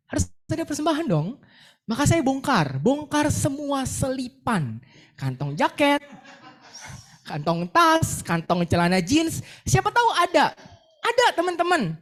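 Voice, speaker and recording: A young adult woman gives a sermon testimony, telling her story vividly and acting out her own words and prayers. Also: fairly high pitch. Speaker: preacher sharing a testimony.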